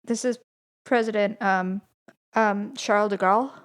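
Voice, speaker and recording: A woman takes part as a contestant in a laid-back trivia podcast. She answers quickly and teases the host in a playful way. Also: medium pitch, steady tone, clean tone. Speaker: quiz contestant. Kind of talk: casual podcast quiz.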